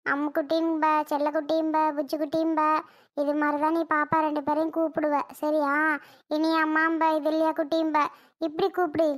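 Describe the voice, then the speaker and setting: A woman voicing a gentle, caring middle-aged mother in a cartoon, coaxing and pleading. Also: high-pitched, little pitch movement, a little fast, natural voice. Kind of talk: cartoon voice acting.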